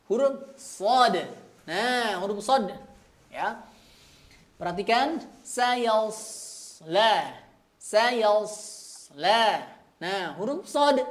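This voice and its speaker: Male recitation teacher, unhurried and methodical, drills pronunciation patiently. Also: high voice. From Indonesia. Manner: patient, repeats sounds many times, frequent "ya" checks. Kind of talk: slow step-by-step recitation lesson.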